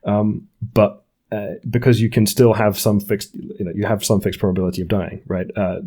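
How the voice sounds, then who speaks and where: A man's voice: lowish voice, level tone, normal speed, mellow. A man in his late twenties co-hosting a podcast, talking through ideas in a thoughtful, hedging way with many restarts. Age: 20s. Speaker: podcast co-host. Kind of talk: casual science discussion.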